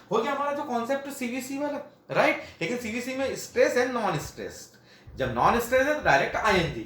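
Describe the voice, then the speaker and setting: A man's voice: high-pitched, fairly bright tone, reverberant. A male teacher explaining grammar at a classroom board. He repeats each point, asks questions and answers them himself, and mixes Hindi with phrases.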